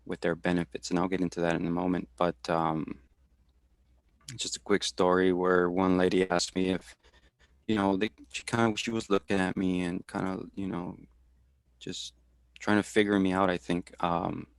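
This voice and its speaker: Low gravelly guy from texas on a video call, dry close sound, lots of ums and restarts. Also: level tone, dry recording. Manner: halting, many fillers and restarts. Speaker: guest speaker. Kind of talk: casual career talk.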